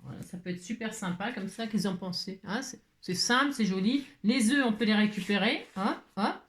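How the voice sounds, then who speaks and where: A woman's voice: medium pitch, normal speed, echoey room. Chatty woman thinking aloud over her crafts. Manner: chatty, thinks aloud, lots of "hein" and "voilà". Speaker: craft video host.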